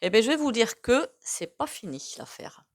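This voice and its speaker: A woman's voice: on the high side, sing-song, normal speed. Rambling French woman reading tarot. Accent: regional French. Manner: rambling, hesitant, many fillers and asides. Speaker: tarot card reader. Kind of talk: casual tarot reading to camera.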